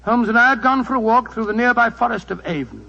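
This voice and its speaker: Genial english doctor telling old stories, high bright voice, hearty, old radio drama. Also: male voice, animated, fast talker, gravelly, heavily acted. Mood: reminiscing. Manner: avuncular, hearty, rambling storyteller. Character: genial, chatty older English doctor recalling past adventures. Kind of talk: 1940s radio acting. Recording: muffled 1940s radio broadcast recording.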